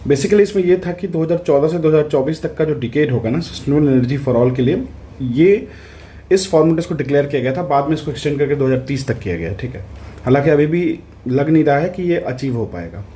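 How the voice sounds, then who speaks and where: A man, an exam prep tutor, explaining answers in a casual lesson, checking in often and reading questions out slowly. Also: fairly high pitch, animated, dark tone, a little hiss or hum. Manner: conversational, repeats "ठीक है" to check in, reads English questions out slowly.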